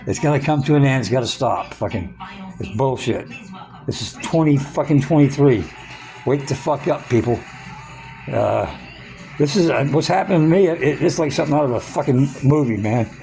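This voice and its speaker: A man in his sixties with a gravelly, dark voice, ranting heatedly and swearing at almost every turn. He talks at a middle pitch, stumbling and repeating words as his anger builds, while faint music plays underneath. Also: expressive, normal speed. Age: 60s. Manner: profane, heated, repetitive ranting. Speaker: vlogger. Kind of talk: angry personal rant.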